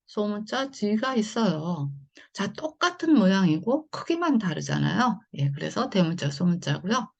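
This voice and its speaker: A woman teaching English phonics in an online lesson, talking slowly and patiently with many fillers. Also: mid-range voice, gravelly, darkish tone.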